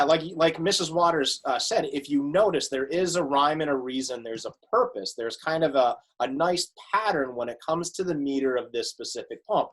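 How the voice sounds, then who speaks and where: A man teacher explaining a poem in a casual, relaxed way, with many "you know" fillers. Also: mid-range voice, slightly rough. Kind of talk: classroom lesson.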